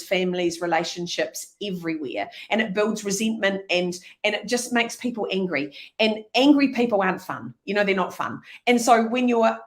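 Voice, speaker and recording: A middle-aged woman, an energetic leadership speaker talking as an interview guest. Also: medium pitch. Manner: energetic, animated storytelling. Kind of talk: conversational interview.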